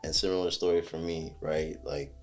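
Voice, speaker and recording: A man with an extremely deep voice hosts a relaxed chat, friendly and loose, with many "um"s along the way. Faint music plays behind him. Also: moderate pace. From New Jersey. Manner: friendly, fillers, talks it through. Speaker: podcast host. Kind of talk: casual chat.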